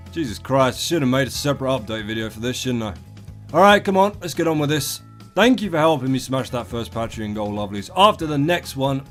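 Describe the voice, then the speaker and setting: A British man hosts comedic game commentary in a medium-pitched voice. His delivery is irreverent and theatrical, full of colloquial swearing and mock-grand flourishes. Music plays faintly behind him. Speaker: gaming video host. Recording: voice over a music bed.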